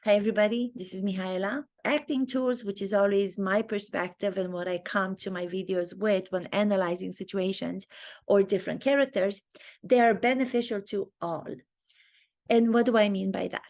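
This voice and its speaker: Speaking to camera in her talking-head video, this acting teacher muses aloud, earnest and reflective. She has a Romanian accent and a medium-pitched, slightly mellow voice at a moderate pace.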